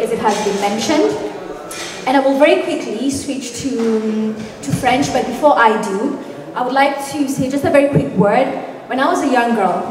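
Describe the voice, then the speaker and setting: A woman from Kenya with a Kenyan accent, moderating and giving a formal, measured closing summary at a forum. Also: a little high. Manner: measured, formal, occasional self-corrections. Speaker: program manager and moderator. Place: large conference hall. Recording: very echoey hall, distant mic.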